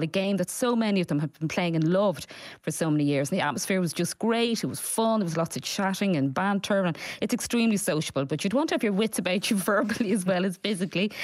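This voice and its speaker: A woman's voice: on the low side, no echo. A woman with an Irish accent reporting a radio feature, chatty and bantering as she interviews people.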